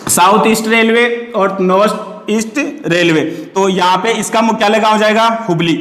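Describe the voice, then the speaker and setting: High-voiced male teacher in an echoey classroom. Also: a bit bright. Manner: asks questions and answers them himself, repeating key words; explains memory tricks through wordplay. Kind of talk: classroom lecture with question-and-answer drills. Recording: echoey classroom recording with long reverb.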